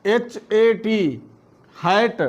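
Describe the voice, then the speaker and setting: A man teaching a phonics lesson, spelling words out letter by letter and then saying each one slowly. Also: high voice, steady tone. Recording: dull lo-fi recording.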